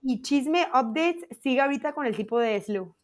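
A young woman co-hosting a podcast, telling a roommate story in a casual, animated way and acting out her own quotes. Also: high-pitched, normal speed. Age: young adult. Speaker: podcast co-host.

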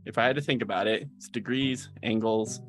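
A man's voice: lowish voice, a little fast, faint music behind. A man co-hosting a podcast in casual chat, joking, laughing often and hesitating as he guesses at answers. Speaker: podcast co-host.

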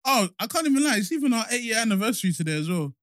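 A young man with a London roadman accent co-hosting a podcast in casual, slangy, animated chat that often circles back on itself. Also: very high-pitched, very fast, dry recording, studio quality. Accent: London, urban slang-heavy. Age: young adult. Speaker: podcast co-host.

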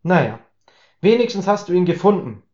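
A man voicing an excited, tipsy and flustered young man who blurts things out, in a spoken story. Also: sits high, normal speed, voice pushed up. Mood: cheerful. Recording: roomy, slightly dull recording.

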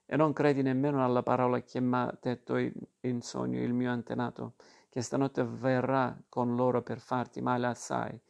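A man's voice: mid-range voice, flat delivery, moderate pace, vocal fry, darkish tone, lo-fi sound, close to an everyday voice. A man reading aloud, voicing a proud father who teases and declaims. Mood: teasing. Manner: declaiming, teasing.

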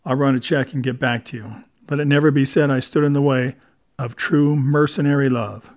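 A man doing a gruff, sardonic cop on the phone. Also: mid-range voice, steady tone, fairly quick, natural voice. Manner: gruff, sarcastic. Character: gruff male police contact, grudging and sardonic.

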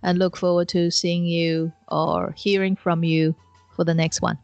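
A woman's voice: fairly low pitch, level tone, a little slow, gravelly, darkish tone, highs cut off, soft background music. A woman co-hosting an explanatory podcast discussion, choosing her phrasing carefully and with some hesitation. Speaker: podcast co-host.

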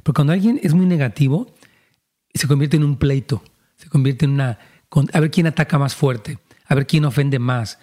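Male pastor, husky and warm-toned, earnest counseling voice. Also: mid-range voice, normal speed. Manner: earnest, preachy, addresses listeners directly.

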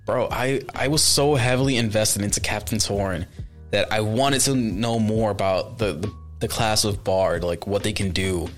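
A man's voice: lowish voice, moderate pace, soft background music. A man chatting casually as a podcast guest, laid-back and eager, calling his friend "bro" and "dude.".

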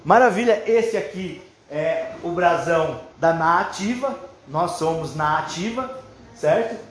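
A man's voice: a little high, expressive, unhurried. A man with a Brazilian accent addresses a class of children like a kindergarten teacher, encouraging them with simple instructions and checking questions. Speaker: workshop leader for schoolchildren. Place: roomy classroom indoors. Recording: echoey classroom with faint background noise.

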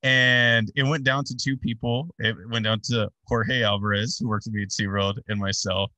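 A man in his thirties, a sports announcer, telling his story in a casual interview with animated, chatty delivery full of fillers. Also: on the low side, normal speed, no echo, recorded from a distance.

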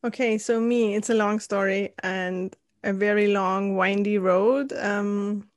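A woman from Austria, a guest coach, telling her story in a thoughtful interview with frequent pauses and restarts. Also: mid-range voice, steady tone, dry recording, studio quality. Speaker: guest, life and leadership coach. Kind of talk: casual interview conversation.

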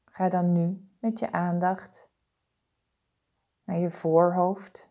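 A woman talks a listener through a body-scan meditation. Her voice is low-pitched and mellow, and her pacing is very slow and calm. She gives each instruction in a soothing, even way. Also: highs cut off. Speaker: meditation guide.

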